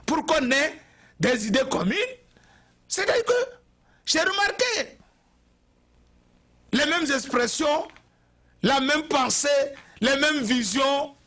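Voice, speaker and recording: A man's voice: very high voice, expressive, takes it slowly, pauses often, sharp tone. A man from Togo, giving an impassioned TV address and repeating phrases for emphasis. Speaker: TV commentator.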